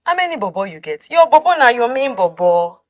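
A woman's voice: a little high, very animated, a little fast, no echo. A Nigerian woman playing a flashy, boastful young woman who teases and gossips, mixing Pidgin into her English. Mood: gossiping. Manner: teasing, boastful, mixes in Pidgin. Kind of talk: Nollywood film acting.

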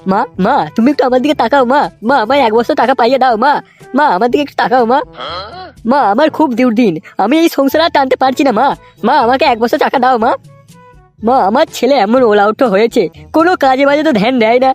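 A woman's voice: sits high, quick pace, a little mellow, soft background music, natural voice. A woman voicing a cranky old grandfather in a cartoon who pleads with a goddess and snaps coarse insults at his grandson. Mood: pleading. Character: cranky old grandfather, grumbling and foul-mouthed. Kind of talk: cartoon voice acting.

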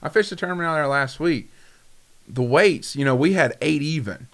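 A man's voice: on the high side, expressive, normal speed, fairly bright tone. A man, hosting a casual fishing podcast, talking emphatically and repeating himself. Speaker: podcast host. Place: wood-paneled studio room. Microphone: boom mic on desk arm.

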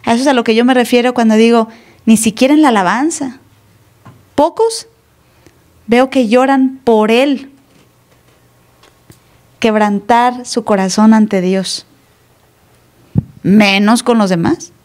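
A woman pastor delivers a sermon to her congregation in an easy, conversational way. She acts out the dialogue she quotes and often puts questions to the listeners. Her voice sits a little high. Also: slow, pauses often, darkish tone. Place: church. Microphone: live stream.

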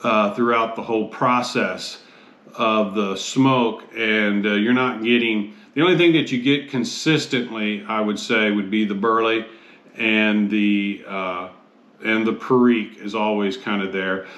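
An American man in his fifties giving a casual review to camera in a measured, halting way, often pausing mid-phrase. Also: on the low side, steady tone, a bit bright. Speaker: host of a pipe tobacco review show. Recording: roomy, echoey sound.

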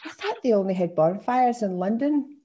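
A woman's voice: a little high, animated, moderate pace, warm tone, voice pushed up. A woman reading aloud voices a playful, teasing middle-aged mother with a Scottish accent. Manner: broad, teasing, exclamatory.

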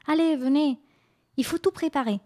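An eager little girl full of ideas, urging her friends along, as a woman reading a storybook puts her on. Her voice is high and bright with excitement, a little bossy. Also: moderate pace. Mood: coaxing.

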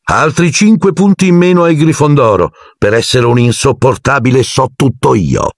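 A man's voice: mid-range voice, moderate pace, no echo, clean studio sound, voice pushed up, close to an everyday voice. Piton, a man reading an icy teacher. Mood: icy contempt. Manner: icy, menacing, silky calm. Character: cold sneering male potions teacher.

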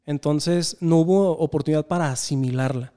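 A man's voice: fairly high pitch, normal speed, warm tone. A Mexican man in his thirties, talking earnestly and reflectively in a casual podcast conversation. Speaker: podcast guest.

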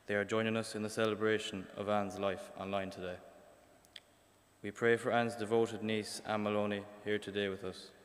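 Flat-toned man reading prayers. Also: on the low side, normal speed. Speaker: family member reading prayers. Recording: long church reverb.

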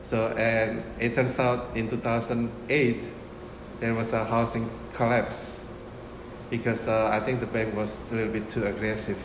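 Man in his fifties, from Indonesia, restaurant owner, halting casual talk, room noise behind, camera at table distance. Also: medium pitch, flat delivery. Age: 50s. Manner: unhurried, many fillers and restarts. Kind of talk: casual interview. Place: restaurant dining room, indoors. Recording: roomy echo with room noise.

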